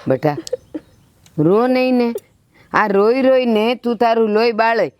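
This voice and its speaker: An actress playing an older village mother who comforts and calms her children in a village family drama. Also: on the high side, measured pace, natural voice. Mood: soothing. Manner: soothing, pleading.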